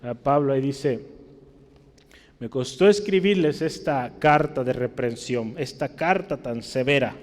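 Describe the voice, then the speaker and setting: A man preaching a sermon in a church, often asking the congregation questions and adding "¿verdad?", his voice rising when he reads Scripture aloud. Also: darkish tone. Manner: rises in pitch and volume when reading Scripture aloud. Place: church hall. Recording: long hall reverb.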